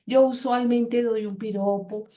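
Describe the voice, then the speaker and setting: A woman's voice: on the high side, measured pace. Chatty woman teacher. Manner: chatty, lively, acts out example dialogues. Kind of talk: classroom lecture.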